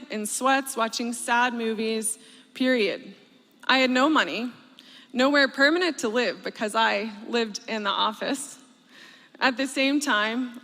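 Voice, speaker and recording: A woman in her thirties giving a graduation speech, with deliberate, emphatic pauses. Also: fairly high pitch, a bit bright. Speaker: commencement speaker. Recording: long hall reverb.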